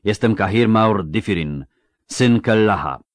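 Male narrator voicing a calm, matter-of-fact knight, deep and dry. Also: unhurried, dry recording. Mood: steady.

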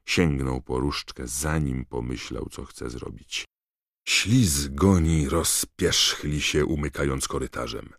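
A male audiobook narrator with an extremely deep, low voice. He reads the story in a measured, even storytelling manner, recorded close and dry with no room sound. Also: creaky, no echo. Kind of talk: scripted narration.

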